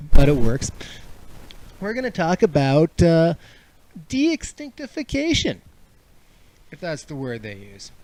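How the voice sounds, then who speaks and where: A man from Canada co-hosts a casual news talk show. He speaks bluntly and is quick to give his opinion. His voice sits slightly high for a man. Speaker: podcast co-host.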